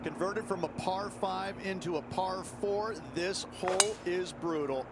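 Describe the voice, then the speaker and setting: A man's voice: high-pitched, measured pace, heavy background noise. A man giving instructive golf course analysis as game commentary, speaking directly to the player. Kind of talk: sports commentary in a video game. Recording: loud outdoor ambience behind commentary. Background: loud outdoor ambience.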